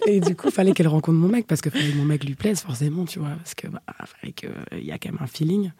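A young woman telling a frank personal story in casual chat, chatty with many fillers, often dropping into breathy half-whispers. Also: low voice, animated, quick pace, mellow, no echo, studio quality. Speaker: storyteller guest.

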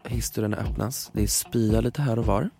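A man's voice: fairly low pitch, creaky. A young man, co-hosting a podcast and telling a weekend story dramatically, mixing in English slang. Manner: lively, dramatic, swears and mixes in English slang. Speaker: podcast co-host. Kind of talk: casual chat, animated storytelling.

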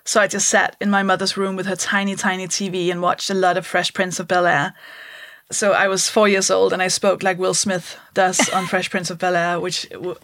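A woman's voice: fairly low pitch, level tone, normal speed, a bit bright, no room sound. A Danish-born comedian in her thirties, chatting candidly in an interview, laughing often and putting on voices to make a point. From Denmark. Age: 30s. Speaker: comedian guest. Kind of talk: casual interview chat.

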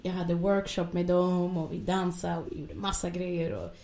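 Woman guest on a chat pod, slightly low voice, tells it lively and acts out the quotes. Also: crowd noise. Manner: animated, acts out quotes with "jag bara". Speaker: podcast guest; dancer. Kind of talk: casual storytelling chat.

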